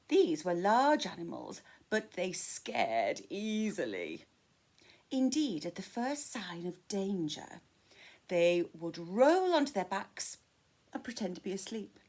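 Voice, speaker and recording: A woman's voice: medium pitch, very animated, takes it slowly, a little mellow. A woman reading a children's story aloud in a dramatic way, dropping to whispers at tense moments.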